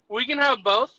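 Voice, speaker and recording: A man joking on a casual podcast chat while travelling, his voice thin and tinny with no bass, as if in a tin can far away. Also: sharp tone. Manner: joking, teasing, laughs often. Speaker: podcast co-host. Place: on the way back to a hotel.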